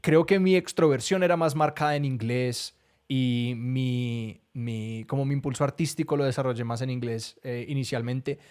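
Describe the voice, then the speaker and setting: A man's voice: medium pitch, fairly even intonation, normal speed, darkish tone, clear, resonant tone. A man hosting a podcast in a casual conversation, reflective and a little hesitant, with dry humor. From Colombia. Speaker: podcast host.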